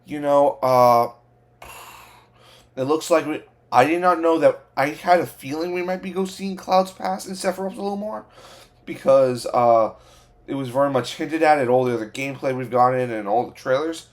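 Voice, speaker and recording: A man hosting a reaction video as an excited fan, babbling with overexcitement, gushing and repeating himself. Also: on the high side, normal speed.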